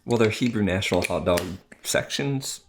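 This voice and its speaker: A man's voice: lowish voice, moderate pace, a little hiss or hum. A man hosting a home eating video, chatting casually and joking in rambling asides. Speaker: mukbang host. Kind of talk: casual chat while eating on camera.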